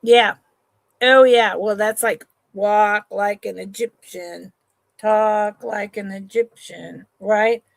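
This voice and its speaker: A woman with a creaky, mid-range voice hosts a relaxed live sale, talking slowly and warmly to viewers she calls honey and sweetheart. She chats without rushing, drifting off mid-sentence and beginning again, on a dry recording.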